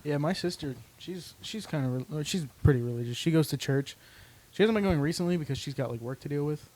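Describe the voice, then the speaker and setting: A young man talking casually as a podcast guest, halting and hedging as he speaks. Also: on the high side, lively intonation, a little mellow. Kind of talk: casual chat.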